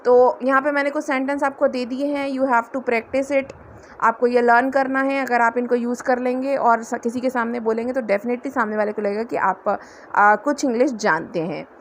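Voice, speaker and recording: Woman tutor, high voice, patient step-by-step explainer, light background hiss. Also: steady tone, normal speed. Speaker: English tutor. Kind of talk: spoken English lesson.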